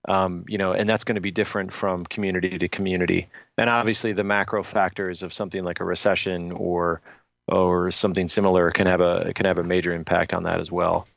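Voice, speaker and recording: Low-voiced man, dull dry podcast sound. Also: level tone, vocal fry, no echo. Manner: measured, many restarts and fillers. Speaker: industry guest. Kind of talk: podcast interview.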